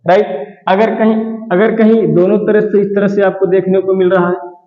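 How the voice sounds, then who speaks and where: A man's voice: high voice, flat delivery, moderate pace, reverberant, big-room sound, narrow, tinny audio. A man teaching a math lesson, explaining patiently and often ending his points with "right". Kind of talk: classroom-style lesson explanation.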